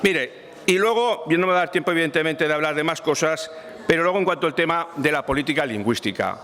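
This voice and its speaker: A man's voice: on the high side, lively intonation, fast, a bit bright. A man giving an emphatic parliamentary speech, repeating phrases insistently. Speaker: parliamentary spokesman. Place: parliament chamber. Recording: long reverb of a parliament chamber.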